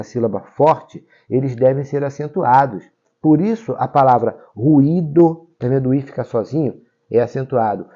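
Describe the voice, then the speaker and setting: A man's voice: mid-range voice, mellow, dull audio. A Brazilian man teaching Portuguese grammar for exams, explaining step by step and checking in often with his students. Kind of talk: exam-prep grammar lesson.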